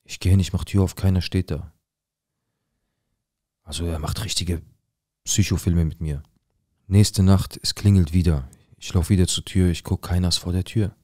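A young man acting out a rough-talking, paranoid drug dealer who tells his own story in a dramatic monologue full of slang and swearing. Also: sits low, fairly even intonation, normal speed, pauses often, mellow, no room sound, studio quality. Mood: tense. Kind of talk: dramatic first-person monologue.

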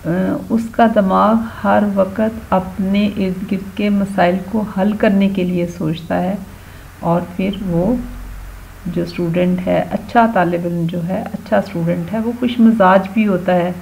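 Brief: Pakistani Urdu-accented woman, children's teacher, slow and patient, some vocal fry, dull lo-fi home recording. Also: mid-range voice, steady tone, darkish tone, a little hiss or hum. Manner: slow and patient, sounding out letters one by one. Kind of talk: home-school grammar lesson for young children.

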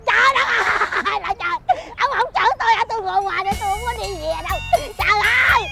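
An actress playing a loud, wailing old village woman in a folk tale TV drama. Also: quick pace, vocal fry, over music. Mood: indignant. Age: older. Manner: shrill, scolding, wailing pleas.

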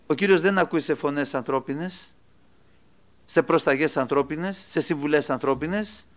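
A man delivers a church sermon in a high-pitched voice. He calls his listeners brothers. He swings between loud, ringing exclaiming and quiet, dropped asides. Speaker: preacher.

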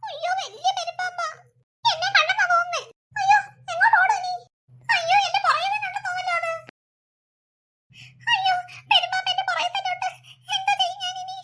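Stubborn little cartoon boy, very high voice, quick, cries out in fright. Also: animated, sharp tone, heavily acted. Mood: terrified. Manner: frightened wailing. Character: young boy, greedy and stubborn. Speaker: cartoon character.

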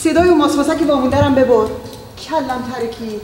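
A woman playing a short-tempered mother in an acted parenting skit, shouting harsh commands at her daughter. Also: sits high, recorded from a distance. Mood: angry, yelling. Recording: roomy echo, long reverb, faint noise.

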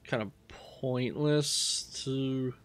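A man casually talking through his gameplay, relaxed and rambling as he thinks aloud. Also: medium pitch, drawn-out words. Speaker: gaming channel host.

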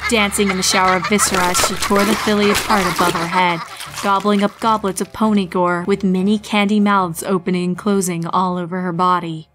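Reading a horror story in a brisk, scripted, dramatic way, a fan fiction narrator speaks in a mid-range voice with little pitch movement. Background music runs under her words, and there is some background noise.

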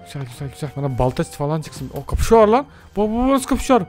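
A man hosting a gaming video with casual play-by-play commentary, excitable, with sudden yelps and frequent asides to his viewers. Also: on the high side, quick pace, soft background music.

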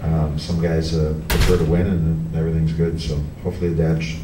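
A middle-aged man, a hockey coach, fields questions after a game in a very low voice that barely rises or falls. He stops and restarts his sentences and fills the gaps with "uh" and "you know". The sound is roomy and distant, with steady noise behind it. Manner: halting, many restarts and fillers. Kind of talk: post-game press conference. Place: press room in front of a team backdrop. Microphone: table mic on a stand, heard from a camera farther off. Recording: echoey room, distant camera, background noise.

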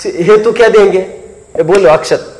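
In a hall with long reverb, a man lectures on a Jain philosophy text at a moderate pace, his high voice slightly mellow. He questions his students, goes over key points again and rebukes anyone who isn't keeping up.

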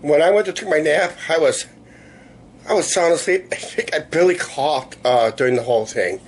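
A man in his fifties chatting casually to camera in a rambling, halting way, his voice weak and sore after illness. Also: fairly high pitch. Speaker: vlogger. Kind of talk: casual video diary chat. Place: small living room, indoors. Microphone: camera at arm's length. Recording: noisy room ambience on camera mic.

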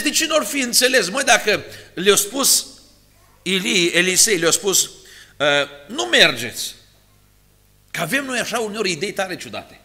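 A man preaching in a church sanctuary, his high voice carrying a long reverb. He drops to a hushed tone for scripture and rises to bright, forceful emphasis when he turns to the congregation with rhetorical questions. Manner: shifts between soft, hushed scripture reading and louder, emphatic exhortation. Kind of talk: sermon.

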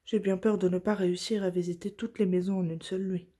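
A woman voicing a kind, jolly old Father Christmas in a children's storybook, louder and higher than her narration. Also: steady tone, fast, breathy edge, natural voice. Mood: hurried.

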